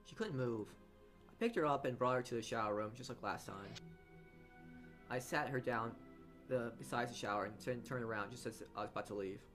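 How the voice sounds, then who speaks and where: A man with a brisk, mid-range, slightly bright voice reads a visual novel's narration for a let's play while game music plays. He regularly misreads words, corrects himself, and throws in asides.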